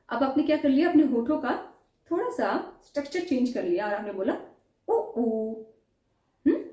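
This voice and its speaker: A woman's voice: on the high side, dark tone. A woman teacher giving a pronunciation lesson, sounding out letters one by one and asking the class questions. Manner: demonstrates sounds slowly, asks questions. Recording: echoey room.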